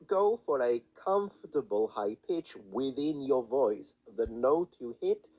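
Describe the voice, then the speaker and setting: A man's voice: medium pitch, expressive, measured pace, mellow, rough recording. A man teaching pronunciation in a played video, demonstrating sounds and confidently dismissing what he calls nonsense. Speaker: language teacher. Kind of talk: explanatory lesson in a played video.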